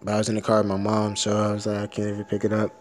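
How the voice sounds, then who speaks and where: A man with a fairly low, everyday speaking voice, talking bluntly and swearing freely. He rants casually, leans on slang like "bro", and sometimes reads text out loud. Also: completely flat delivery, racing, soft background music. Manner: profane, blunt, ranting. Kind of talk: casual rant, reading an article aloud.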